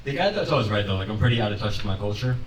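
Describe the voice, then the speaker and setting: A young man doing a conversational, deadpan stand-up set on a comedy club stage, laughing lightly at his own lines. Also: lowish voice, racing, a little hiss or hum. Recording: roomy club sound from a distance, with audience laughter. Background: audience laughing.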